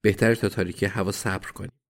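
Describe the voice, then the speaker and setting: A man's voice: deep voice, fairly even intonation, no room sound, studio quality. A man voicing an earnest, plain-spoken Eastern European man in an audiobook, speaking in a direct way.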